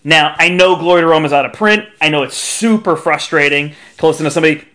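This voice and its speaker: A man with a somewhat high-pitched voice hosts a podcast about games. He talks in an informal, chatty way with a touch of the showman. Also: fast, pushed and bright. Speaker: podcast host. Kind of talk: board game podcast talk.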